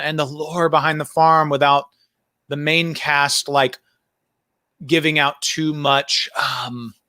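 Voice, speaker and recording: A man's voice: on the high side, sharp tone, no echo, clean studio sound. A man hosting a livestream as the filmmaker, talking casually and rambling with many fillers and restarts. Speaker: filmmaker host.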